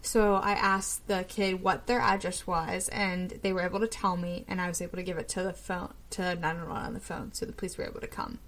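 A woman's voice: on the low side, flat delivery, fairly quick, hardly any pauses, a bit bright. A young woman casually recounting a frightening personal experience, chatty, with lots of fillers and restarts. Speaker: storyteller.

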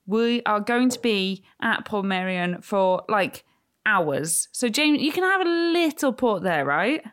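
A woman's voice: medium pitch, animated, slow pace, a bit bright. Young woman from North Wales, casual travel vlogger, playful teasing delivery. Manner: teasing, chatty. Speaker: travel vlog co-host. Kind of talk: casual chat.

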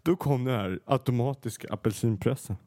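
A man's voice: mid-range voice, warm tone, dry recording, studio quality. A man co-hosting a podcast in casual chat, telling anecdotes and often laughing. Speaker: podcast co-host.

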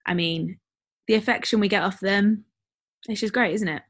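A woman's voice: mid-range voice, moderate pace. A woman co-hosting a podcast in casual chat, reading out a news story with lots of fillers and laughs. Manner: chatty, laughs often, many fillers. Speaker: podcast co-host.

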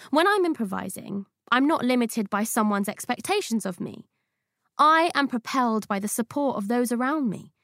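A woman reads a personal essay in a playful, witty way, dropping slang with comic timing. Her voice sits a little high and carries a gravelly fry. The recording is close and dry. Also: no echo. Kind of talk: scripted audiobook essay reading.

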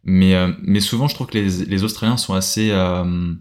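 Speaking at a normal speed in a low, slightly mellow voice with fairly even intonation, a young man from France chats casually as a podcast guest. He hesitates often, using lots of fillers and restarting his sentences in this relaxed interview.

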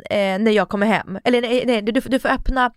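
A woman's voice: no room sound, clean studio sound. A woman in her thirties co-hosting a casual podcast, telling stories vividly and acting out what people said. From Sweden. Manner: animated storytelling, acting out quotes with big pitch jumps. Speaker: podcast co-host. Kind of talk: casual chat.

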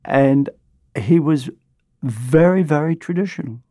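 A man with a Brooklyn accent giving commentary as an interviewed historian, halting and emphatic in his delivery. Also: on the high side, dark tone, no echo, clean studio sound. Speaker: historian and author, interviewed guest.

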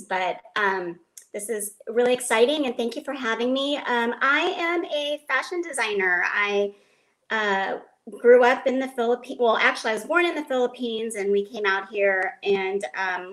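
A woman's voice: on the high side, fairly bright tone, low-quality recording. A woman from Los Angeles, a fashion designer, giving rambling interview answers full of fillers and restarts.

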